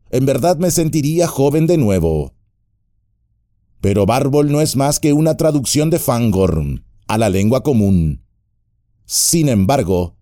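A man's voice: mid-range voice, dark tone, no echo, studio quality, pitched above the performer's own voice. A man voicing an eager, wistful male elf in an audiobook, speaking in a lifted, lyrical way.

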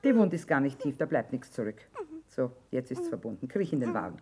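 A woman's voice: very deep voice, very animated, fairly quick, crowd noise. An actress playing a middle-aged, shrewd, blunt mother who trades in wartime, in earthy speech for a radio drama. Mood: bitter. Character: hard-bitten, shrewd, sharp-tongued mother trading in wartime. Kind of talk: German stage-style radio drama acting.

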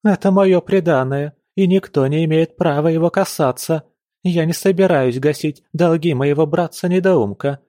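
A man voicing a spoiled, haughty young noble daughter who speaks in a shrill, indignant, sharp-tongued way. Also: moderate pace, no room sound, studio quality, lightly acted.

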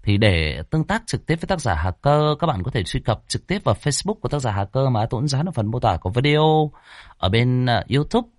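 A man hosting and narrating a horror story in a lively, chatty way. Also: mid-range voice, brisk, no room sound, clean studio sound. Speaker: storyteller and channel host.

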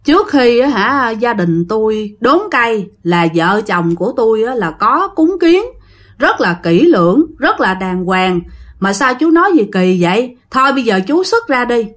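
A woman's voice: on the high side, very animated, normal speed. A woman voicing an elderly grandmother who speaks to a spirit in a firm, formal way, with a Southern Vietnamese accent. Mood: reproachful.

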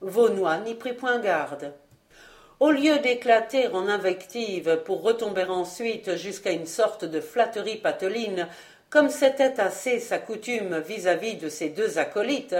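A woman narrating an audiobook of a classic novel in a measured, even storytelling manner. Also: mid-range voice. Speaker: audiobook reader. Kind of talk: scripted narration.

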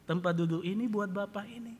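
A man's voice: high voice, fairly quick, husky, voice pushed up. A man voicing a polite female flight attendant explaining where a passenger should sit. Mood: courteous. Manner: courteous, explaining. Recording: reverberant church hall.

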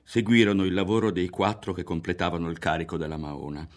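A man narrating a literary audiobook in a measured, expressive way. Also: sits low. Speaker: audiobook reader.

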